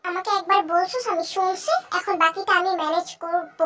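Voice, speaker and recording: A bossy, self-assured young woman, played by a woman in a home-made audio drama. She talks loud, high and bright, sure of herself. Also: fairly even intonation, a little fast, soft background music.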